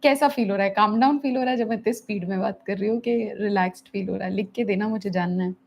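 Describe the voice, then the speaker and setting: Speaking quickly in a creaky, mid-range voice, a middle-aged therapist takes viewer questions in a live teaching session, weaving English phrases into her Hindi. She raises her voice to imitate stressed parents, and there's slight background noise.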